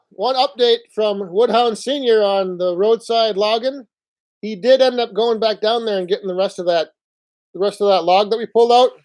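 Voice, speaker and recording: A man hosting a casual live stream from home on his phone, rambling along in a relaxed way and reading out viewer chat. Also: high voice. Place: indoors at home.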